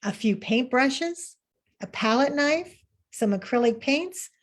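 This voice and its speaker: A woman's voice: high-pitched, animated, slow. Upbeat woman teaching an art webinar. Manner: upbeat, encouraging, with fillers and restarts. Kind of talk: webinar lesson. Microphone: video call.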